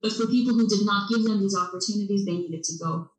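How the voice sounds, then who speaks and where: A woman from Mosul, giving personal testimony in a soft, hesitant way with frequent restarts. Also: medium pitch, fast talker, faint music behind. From Mosul, Iraq. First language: Arabic. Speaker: interviewee, witness. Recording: roomy, distant mic.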